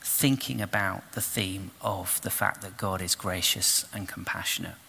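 Slow-speaking preacher in an echoing church. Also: male voice, low voice, gravelly, slight background noise. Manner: storytelling, expressive retelling with questions to the congregation. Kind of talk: sermon.

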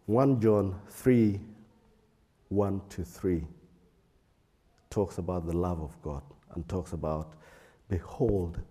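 A man's voice: sits low, dark tone, slightly rough. Man preaching in a big echoing hall. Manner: slow, measured preaching with pauses and fillers. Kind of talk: sermon with scripture reading.

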